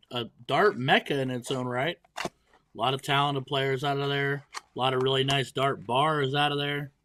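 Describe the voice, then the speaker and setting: A man's voice: mid-range voice, fairly bright tone, slight background noise. A man giving casual live darts commentary.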